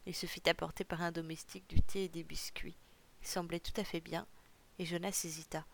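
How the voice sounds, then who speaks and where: Gravelly, flat audiobook narrator. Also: medium pitch, a little hiss or hum. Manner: measured, even storytelling. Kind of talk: audiobook reading.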